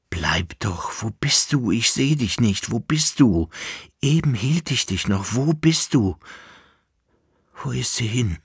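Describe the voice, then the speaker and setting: A man's voice: on the low side, husky, dry recording, studio quality, heavily acted. A man voicing a melancholy old emperor who muses tenderly and calls after a lost love, in a radio reading. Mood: anxious. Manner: musing, yearning, then calling out.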